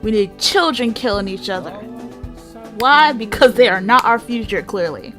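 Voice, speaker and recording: This gaming channel host has a fairly high, animated, somewhat bright voice and a moderate pace. Music plays under her casual, profane commentary, which alternates between playful dramatic announcing and offhand remarks.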